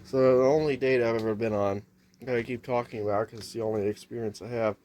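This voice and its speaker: Standing by the microwave in his kitchen, a nasal-voiced man talks fast at a medium pitch, his tone steady and darkish. His vlog monologue is rambling and casual, full of restarts and casual swearing, over a slight hiss or hum.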